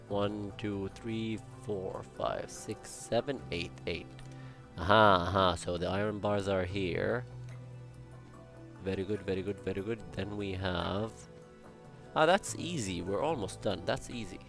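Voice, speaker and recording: A young man with a gravelly voice hosts a building game channel, muttering to himself, counting blocks and tossing in playful Spanish words. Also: sits low, slow pace, fairly bright tone, faint music behind. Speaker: Minecraft building channel host. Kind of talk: casual gameplay commentary.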